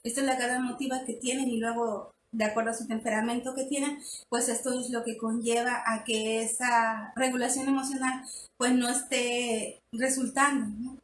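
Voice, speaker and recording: A woman's voice: fairly high pitch, flat delivery, normal speed, reverberant, a little hiss or hum. A woman leading a live online parenting workshop, explaining step by step with frequent restarts and fillers.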